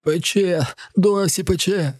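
A man voicing a tall, heavy young man who is panicked and sobbing, pleading in a high, whimpering voice. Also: slow, a little mellow, husky, dry recording, clean studio sound, heavily acted.

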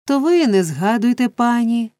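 A woman's voice: a little high, animated, moderate pace, warm tone, no echo, clean studio sound, voice pushed up, close to an everyday voice. A woman voicing a pompous, flustered middle-aged male parish beadle who stammers and fusses. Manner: fussy, stammering.

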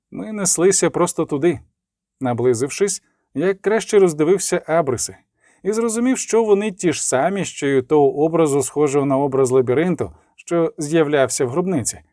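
A man reading an audiobook as narrator, with lively dramatic emphasis and the dialogue lines voiced. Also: fairly high pitch, dry recording, studio quality. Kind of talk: scripted narration.

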